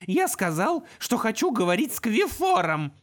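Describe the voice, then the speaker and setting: A man reading an audiobook, voicing a timid little male imp with a squeaky, piping voice. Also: big pitch swings, a little fast, exaggerated voice.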